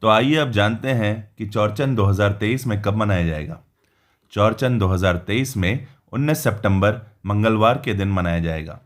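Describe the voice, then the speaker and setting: This is a man's somewhat low voice narrating a devotional explainer video from a script. He speaks at a normal speed, in an even, formal way, walking through each step in plain language like an explainer voice-over.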